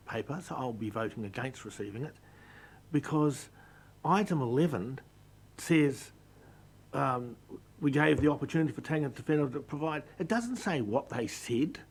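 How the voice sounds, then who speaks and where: A man's voice: on the high side, expressive, normal speed, breathy edge, low-quality recording. A male councillor making a firm, objecting statement in a council meeting. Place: council chamber.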